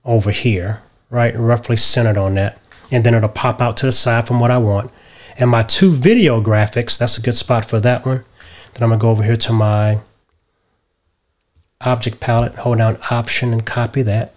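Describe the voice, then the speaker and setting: A middle-aged man explaining a software tutorial step by step from a home office, often checking in with "right?". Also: medium pitch. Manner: relaxed step-by-step explaining, tags lines with "right?". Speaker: tutorial host. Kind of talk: screen-share software tutorial.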